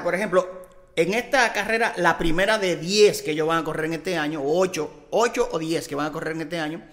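A man, hosting and telling an animated anecdote, acting out the quoted dialogue. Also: a little high, in a large hall. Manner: excited storyteller, acts out quoted dialogue.

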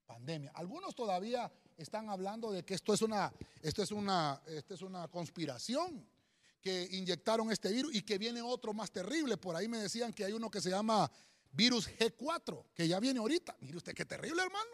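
A male pastor preaching a sermon. He speaks emphatically, often calls listeners "hermano", and pauses to write and spell words on a board. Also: high voice, lively intonation, a bit bright. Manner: teaching at a board, writing and spelling words aloud. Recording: long hall reverb.

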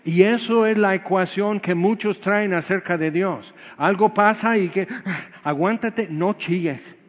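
A man preaching a sermon with a higher-pitched voice, jumping from loud bursts to low quiet asides. The sound is muffled and dull. His voice rings with a long reverb, as in a large hall. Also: a little slow. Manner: animated, swings between loud exclamations and low quiet asides. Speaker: pastor.

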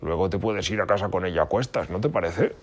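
Lobo macho práctico y campechano de cuento, hecho por el narrador. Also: male voice, low-pitched, quick pace, pitched above the performer's own voice. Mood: blunt. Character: blunt practical male wolf.

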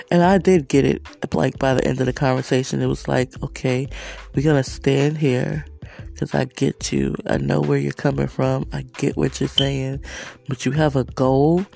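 A woman's voice: extremely low pitch, dark tone. A woman talking in a casual, rambling vlog monologue about her spiritual journey, reflective and full of fillers. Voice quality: creaky, gravelly.

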